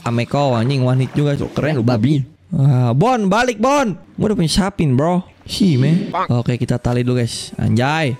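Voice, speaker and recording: A young man with giving loud, swearing, jumpy Minecraft commentary and teasing his co-player. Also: medium pitch, big pitch swings, moderate pace, hardly any pauses, faint music behind. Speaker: gaming YouTuber. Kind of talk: excited casual Minecraft commentary.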